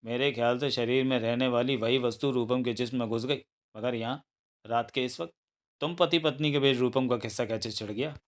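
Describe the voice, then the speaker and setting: A man's voice: medium pitch, steady tone, brisk, lightly acted. A man voicing a worried middle-aged father who grumbles and rambles at his son, in a read-aloud novel. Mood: gruff worried.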